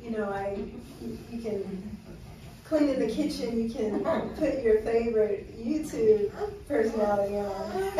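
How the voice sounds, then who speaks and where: A woman in the audience chiming in casually and chattily during a lesson. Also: fairly high pitch. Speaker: audience member. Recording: echoey room from far off.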